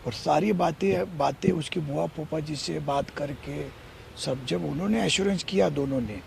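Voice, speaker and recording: Man with a heavily gravelly voice. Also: on the high side, moderate pace, a little hiss or hum. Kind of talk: TV interview answer.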